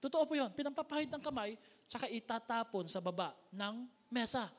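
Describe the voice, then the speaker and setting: A Filipino man preaching a sermon as pastor, with big swings in pitch and loudness, recorded in a church hall. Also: a little fast. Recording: long hall reverb.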